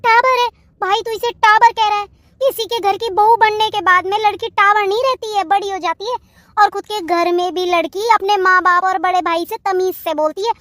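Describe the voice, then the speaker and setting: A woman's voice: extremely high pitch, steady tone, normal speed, fairly bright tone, dry recording. A woman voicing a bossy, protective sister-in-law in a cartoon, lecturing in a domineering way.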